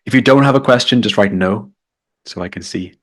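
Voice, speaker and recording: Brief: British male tutor, low-pitched, upbeat live-lesson explainer. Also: a little fast, a bit bright. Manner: explaining, reading chat comments aloud. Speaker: English test tutor.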